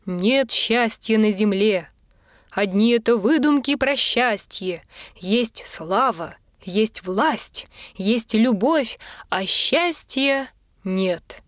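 Give me a woman voicing a stubborn, weary wanderer, bitter and slow, dry close sound. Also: medium pitch, animated, no room sound.

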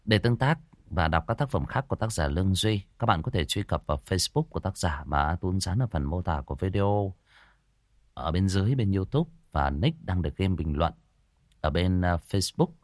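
A man, telling a village tale in a lively, folksy way. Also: low voice, a little fast, dry recording, clean studio sound. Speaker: storyteller. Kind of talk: audiobook narration.

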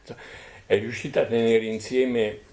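A man's voice: mid-range voice, little pitch movement, normal speed, darkish tone. A man on a panel at a book presentation, telling film anecdotes in a digressive way, full of fillers and checking "no?" with the audience. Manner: digressive, many fillers and tag questions. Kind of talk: anecdotal public talk. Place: bookshop event room.

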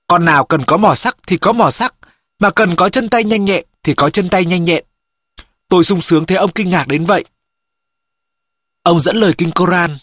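An audiobook narrator telling a first-person story in a steady, even manner at a middling pitch. The voice is recorded close on a studio mic with a dry, dead sound. It is a measured, scripted reading. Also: dry recording.

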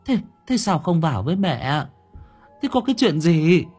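A man's voice: a little high, big pitch swings, moderate pace, darkish tone, husky, voice pushed up. A man voicing a frail, anxious elderly village mother who stammers and calls out pleadingly, his voice raised well above his own. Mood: calling out. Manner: pleading, calling out, stammering repeats. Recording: faint music underneath.

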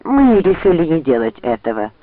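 A man's voice: on the high side, big pitch swings, moderate pace. A man reading an audiobook, voicing a smug, scheming young nobleman with a sneering tone. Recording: dry, tinny phone-like sound.

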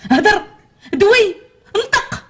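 A woman's voice: high voice, big pitch swings, fast talker, breathy edge, full character voice. An actress playing a Moroccan wife who nags and complains to her husband in film dialogue. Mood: scolding. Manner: nagging, complaining. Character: nagging married woman, scolding her husband.

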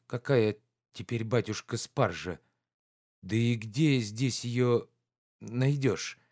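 A man putting on the voice of a quick, shrewd female housekeeper. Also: mid-range voice, darkish tone, no room sound, studio quality. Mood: brisk.

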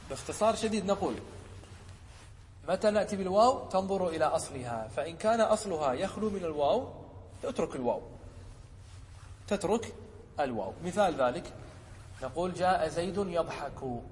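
A man, a sheikh teaching a lesson, who explains a poem, often checks whether his students follow, and slows down to quote examples. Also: on the high side, expressive, big-room sound, slight background noise. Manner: asks the class short checking questions. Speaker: sheikh teaching Arabic rhetoric.

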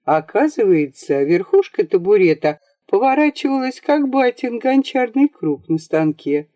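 Lively woman reading a novel. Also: fairly high pitch, moderate pace, no echo. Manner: expressive, lively storytelling. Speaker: audiobook narrator. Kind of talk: scripted narration of a novel.

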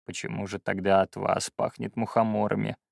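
A man doing a low, deadpan aloof sorcerer. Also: moderate pace, creaky, no room sound, studio quality. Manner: flat, deadpan, quiet. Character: aloof young male sorcerer, unflappable. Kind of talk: audiobook character voice.

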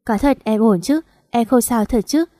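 A woman voicing a gentle, protective young man who speaks softly and reassuringly. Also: fairly high pitch, normal speed, dry recording, clean studio sound, natural voice.

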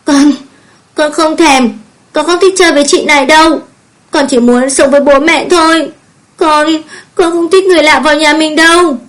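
A woman voicing a clingy little girl who sobs and whines in a high voice, reading a novel aloud. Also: steady tone, normal speed, a bit bright. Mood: tearful whining. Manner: high whiny sobbing pleas.

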